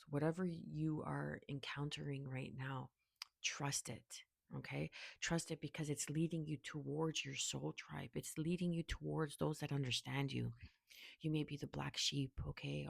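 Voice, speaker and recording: A woman giving a spiritual tarot reading to her viewers, soft-spoken, often checking in with a quiet "okay?" and dropping to near-whispers. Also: low voice, creaky, dry recording, clean studio sound. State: hiccuping. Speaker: tarot reader.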